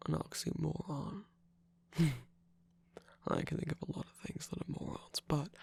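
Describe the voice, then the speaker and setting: A scheming male cookie jester brought to life by a performer murmurs close in an ASMR roleplay, with a hushed, breathy voice full of grit and fry. He swings his pitch up and down as he talks. He brushes things off with sighs and mocking little laughs. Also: heavily acted. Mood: teasing. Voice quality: breathy gravelly whisper. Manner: dismissive, teasing, evasive, with sighs and laughs.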